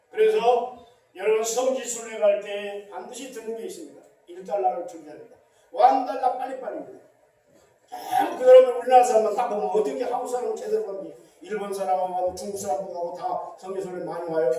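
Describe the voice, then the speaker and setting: A middle-aged Korean pastor preaching a sermon with emphatic rhetorical questions, recorded in a large church hall. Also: male voice, high voice, dark tone, slight background noise. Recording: very echoey church hall, distant mic.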